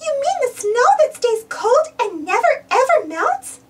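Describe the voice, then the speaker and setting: A woman voicing a sweet, curious female cartoon mouse in a children's storybook, with an expressive, questioning manner. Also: extremely high pitch, unhurried, pitched above the performer's own voice, full character voice. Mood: curious, concerned.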